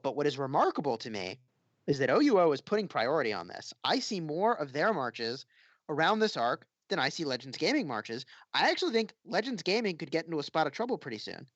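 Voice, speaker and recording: A man giving lively color commentary on an esports match, playful and animated. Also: dry recording, highs cut off. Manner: animated, playful, jumps up in pitch when excited. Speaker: esports co-caster.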